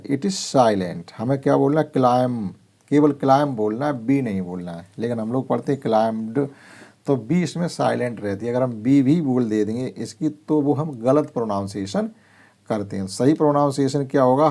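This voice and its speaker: Gravelly, dark-voiced teacher. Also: male voice, medium pitch. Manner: explains English words in Hindi, slow deliberate reading of English sentences. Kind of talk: workbook lesson explanation.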